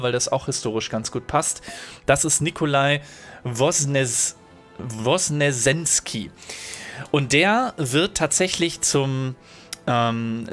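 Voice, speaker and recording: A German-speaking man hosting a let's play sits at his desk commentating a strategy game, thoughtfully explaining its mechanics with many fillers. His voice is medium in pitch with a fairly bright tone, and he's recovering from a cold.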